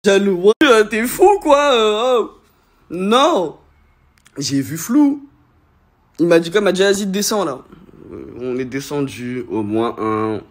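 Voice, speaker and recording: A young man, an influencer, telling a personal story to his followers in a casual, slangy way, swinging between loud outbursts and low mutters. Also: very animated, takes it slowly, pauses often.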